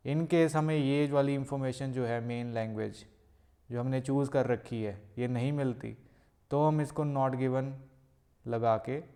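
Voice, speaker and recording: A man teaching a test-prep lesson, explaining step by step in Hindi mixed with English and reading English phrases out slowly. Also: mid-range voice, a little mellow. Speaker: IELTS tutor.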